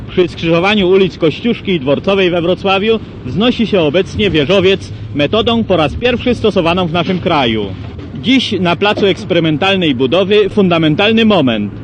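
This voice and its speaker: Guy reading formal news report off old worn tape, bit high voice, faint hiss. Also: poor audio. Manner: formal announcer delivery. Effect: played from old worn archive tape. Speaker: newsreel reporter. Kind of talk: scripted archive news report.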